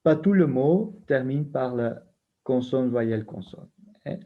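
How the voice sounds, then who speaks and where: A man's voice: medium pitch, lively intonation, unhurried. A man teaching a recorded grammar lesson, patiently spelling out letters and rules one by one. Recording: muffled lo-fi recording.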